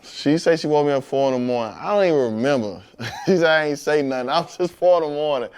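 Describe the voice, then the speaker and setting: Brief: young St. man, high-pitched, animated storyteller on a podcast argument. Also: quick pace, clear, resonant tone. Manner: animated storytelling, acting out quotes. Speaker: podcast co-host. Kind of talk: heated couple's podcast argument.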